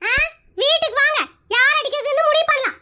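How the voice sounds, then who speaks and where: A woman's voice: extremely high pitch, fast, bright, forceful tone. A woman playing a feisty wife in a comedy skit, scolding and bickering with a Kongu Tamil accent. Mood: threatening. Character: feisty wife seeking divorce, scolding her husband.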